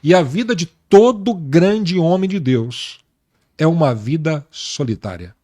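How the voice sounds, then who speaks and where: A male pastor giving his personal testimony in an interview, speaking earnestly and slowly with emphatic repetition. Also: fairly high pitch, lively intonation, darkish tone. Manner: earnest, slow and emphatic, repeating words for weight.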